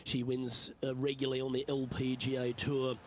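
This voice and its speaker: A man calling golf play-by-play for a video game, brisk and polished, with light jokes. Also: mid-range voice, completely flat delivery, background noise. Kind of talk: scripted video game commentary. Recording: game commentary over music.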